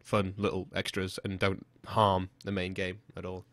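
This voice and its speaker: Male podcast co-host, fairly low voice, chatty and casually profane, dry sound. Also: completely flat delivery, moderate pace, fairly bright tone, no room sound.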